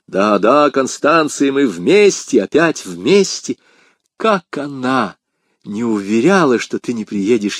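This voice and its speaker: A man's voice: mid-range voice, no room sound, lightly acted. A man voicing a young woman in love who is poisoned, speaking tenderly and then weakly. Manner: tender, breathless, then weak.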